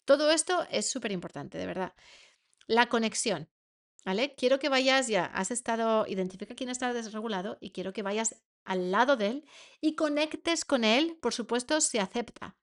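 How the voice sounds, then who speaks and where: A woman's voice: on the high side, animated, moderate pace. A woman with a Spain Spanish accent, teaching a masterclass to parents as a coach, earnest and repeating words for emphasis.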